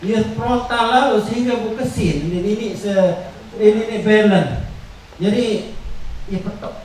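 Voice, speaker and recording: A man's voice: sits high, darkish tone. Guy teaching a class, lots of uh and repeats, super echoey room, faint hum behind. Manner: explains slowly with many fillers and repetitions. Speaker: workshop instructor. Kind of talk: teaching talk on traditional verse. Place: workshop room. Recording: echoey room, far from the mic.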